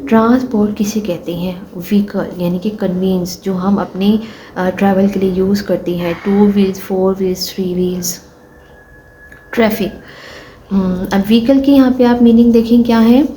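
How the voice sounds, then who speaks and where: A woman teacher walking through a textbook lesson, explaining in Hindi-Urdu and reading the English sentences out slowly, with faint background noise. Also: medium pitch, fairly even intonation, warm tone, poor audio. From Pakistan.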